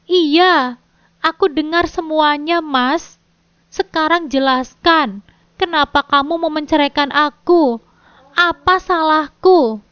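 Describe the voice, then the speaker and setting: A woman's voice: high voice, fairly even intonation, unhurried, fairly bright tone, no room sound, pitched above the performer's own voice. A woman voicing a tearful betrayed wife. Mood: pleading. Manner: tearful, pleading. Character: betrayed young wife confronting her husband. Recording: dull dry lo-fi recording.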